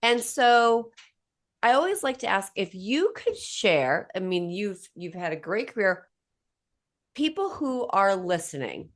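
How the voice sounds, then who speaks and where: A woman with a Boston accent hosts a podcast in a relaxed, chatty way. She is gushing and enthusiastic, her sentences wandering and restarting as she talks. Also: mid-range voice, unhurried. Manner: effusive and enthusiastic, rambling. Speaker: podcast host. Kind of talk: casual interview chat.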